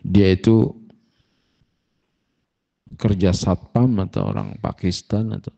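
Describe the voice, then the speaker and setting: A man preaching as an Islamic teacher, telling stories with emphatic jumps in pitch. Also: slow, vocal fry, dark tone. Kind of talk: sermon. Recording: muffled lo-fi recording.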